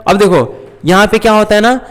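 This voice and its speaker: Male teacher, high voice, repetitive question-and-answer classroom delivery, long reverb. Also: fairly quick. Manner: asks questions and repeats key points. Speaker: English teacher. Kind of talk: classroom grammar lesson.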